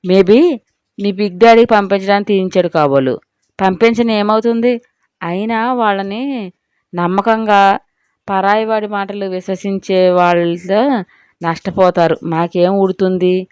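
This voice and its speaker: A woman's voice: medium pitch, steady tone, unhurried, long pauses, darkish tone, smooth, no echo, lightly acted. A woman voicing a hot-tempered, proud young husband who speaks defiantly and angrily in an audio story. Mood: angry. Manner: defiant, boastful, angry.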